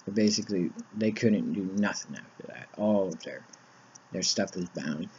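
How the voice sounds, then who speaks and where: Man, personal testimony, halting and emotional, husky, muffled recording. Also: deep voice, a little mellow. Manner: halting, full of restarts and fillers, emotional. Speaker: man recounting spiritual visions. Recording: dull lo-fi recording.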